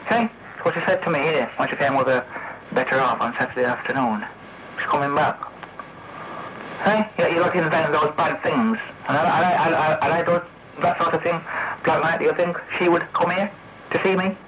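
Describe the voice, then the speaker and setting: A CB radio operator with a higher voice goes on a rambling, combative, foul-mouthed monologue at a moderate pace, repeating accusations and pushing tag questions as challenges. A crowd can be heard behind him, and the tape is noisy and muffled.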